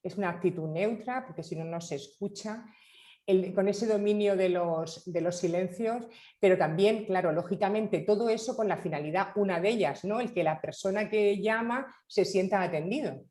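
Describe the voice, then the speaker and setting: A woman's voice: medium pitch, normal speed, mellow. A woman speaks in a reflective, searching way, often restarting her sentences as she shapes her thoughts. The sound is echoey, like a bare room. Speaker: panel guest. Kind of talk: conversational talk.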